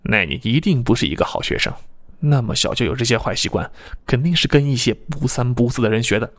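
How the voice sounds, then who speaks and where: Male narrator doing a sneering middle-aged cop boss, low and suspicious, talks down to the suspect. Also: expressive, a little fast, natural voice. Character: smug sneering middle-aged male police deputy chief.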